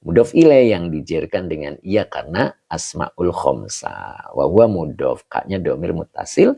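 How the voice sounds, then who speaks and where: A man teaches Arabic grammar on a live stream, reading out and answering viewers' comments as he goes. His low voice is gravelly and husky, and his pitch moves up and down a lot. He speaks at an unhurried pace and often checks in with the listener. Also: big pitch swings, warm tone. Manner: reads out and greets viewers' comments; explains slowly, with rising checks like "begitu ya". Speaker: religious teacher. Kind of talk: livestreamed Arabic grammar lesson.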